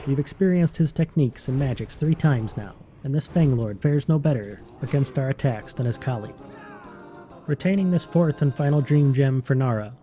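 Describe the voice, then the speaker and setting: A man's voice: medium pitch, mellow. A man narrating scripted fantasy game lore as a storyteller.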